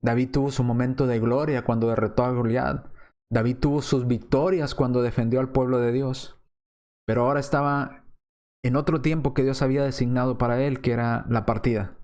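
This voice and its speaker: A man preaching a sermon in an earnest way, often pausing for rhetorical check-ins with the congregation. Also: medium pitch, fairly even intonation, darkish tone.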